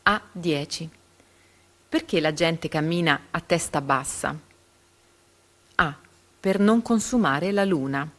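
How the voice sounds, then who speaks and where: A woman reading reading-comprehension quiz questions and answer options aloud, pausing carefully after each letter. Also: deep voice, fairly bright tone.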